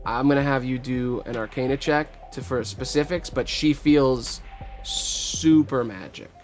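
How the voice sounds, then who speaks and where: A man's voice: mid-range voice, measured pace, soft background music. Casual man narrating as game master. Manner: casual, loose storytelling with many fillers.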